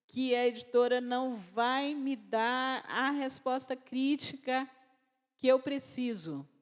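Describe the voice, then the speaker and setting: A Brazilian author with a Brazilian Portuguese accent answers audience questions unscripted at a literary festival, speaking in a measured way with pauses and restarts. Her voice is on the high side, captured in a festival lecture hall with the long reverb of a large space.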